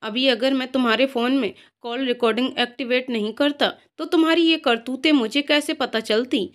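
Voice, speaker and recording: A jealous young husband snaps out harsh accusations in a storybook tale, as a woman reads his lines. The voice sits high and bright in pitch throughout, and the tone stays cutting and controlling. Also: normal speed, natural voice. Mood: angry, accusing.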